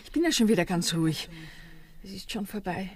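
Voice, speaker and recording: An actress playing a fragile, dreamy young expectant woman in a radio play, speaking in a hushed way. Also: medium pitch, animated, fairly quick, close to an everyday voice.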